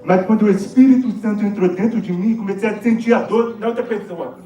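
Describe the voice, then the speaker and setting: A man's voice: sits high, fairly even intonation, fairly quick, mellow. A man with a Brazilian Portuguese accent, a pastor giving a testimony sermon to a congregation, speaking emphatically and putting questions to the listeners. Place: church service hall. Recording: echoey hall, distant dull mic, music behind.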